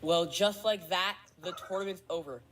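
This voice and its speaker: A woman's voice: fairly low pitch, normal speed, fairly bright tone, soft background music. A woman narrating the recap of a game tournament in an earnest, apologetic and thankful way.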